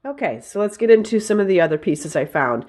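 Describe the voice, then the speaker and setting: A woman with a raspy, hoarse voice from a head cold, chatting casually as she shows off her thrift finds, often pausing to search for words. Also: mid-range voice, very animated, a little mellow. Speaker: vlogger showing thrift finds. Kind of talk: casual haul show-and-tell.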